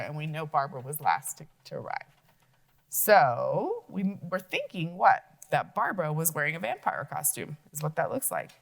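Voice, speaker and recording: A woman teaching young children, her voice sitting a little low but swinging widely in pitch. She reasons through a puzzle step by step, often pausing to ask her listeners questions. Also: a bit bright. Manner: thinks aloud, asks questions to kids. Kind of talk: classroom logic-puzzle lesson for young children.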